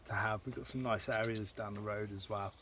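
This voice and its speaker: Relaxed, hesitant male interview guest. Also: fairly low pitch, brisk, slight background noise. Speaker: guest, company co-founder. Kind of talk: casual chat. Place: outdoors at a tree house in the countryside.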